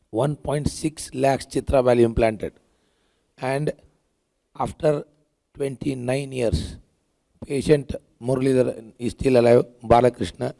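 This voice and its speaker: Man, Indian English accent, hoarse, gravelly dark voice, halting panel talk. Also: mid-range voice. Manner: halting, with many filler pauses. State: hoarse, lost his voice. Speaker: cardiac surgeon on a conference panel. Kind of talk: conference panel discussion.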